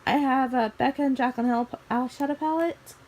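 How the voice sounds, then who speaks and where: A woman's voice: sits high, fairly even intonation, a little fast, darkish tone. A young woman from the American Midwest vlogging casually about her makeup collection, her voice a little scratchy from allergies, chatty and rambling with small restarts. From Missouri, USA. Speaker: beauty vlogger. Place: bedroom, indoors.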